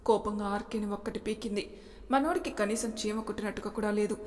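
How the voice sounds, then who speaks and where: A woman's voice: mid-range voice, fairly even intonation, a little fast, a little mellow. Woman storyteller with long reverb. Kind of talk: storytelling narration.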